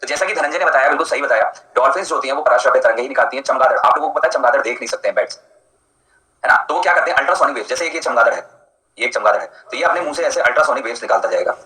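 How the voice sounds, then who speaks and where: A man's voice: medium pitch, expressive, rapid-fire, pushed and bright, reverberant, rough recording. A male teacher giving a live online lecture in a chatty, jokey way, answering students by name as he explains.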